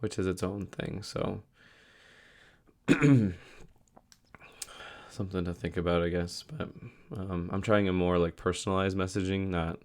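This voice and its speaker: In a deep, darkish voice, a young man vlogs casually in a video diary, unhurried and pausing often. He's a little sick with a cold that's taking his voice, and he rambles through many fillers and restarts.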